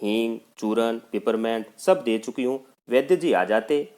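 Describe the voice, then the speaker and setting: A man's voice: medium pitch, unhurried, a little mellow, lightly acted. A male teacher voicing a worried mother who coaxes and frets over her sick young son. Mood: anxious. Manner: fussing, pleading.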